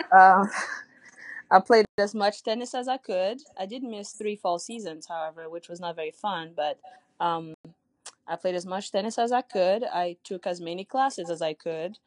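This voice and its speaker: A young tennis coach whose first language is Russian answers interview questions as a podcast guest, speaking thoughtfully with many fillers and restarts. Her voice is mid-range and her pace measured, captured in a dry recording.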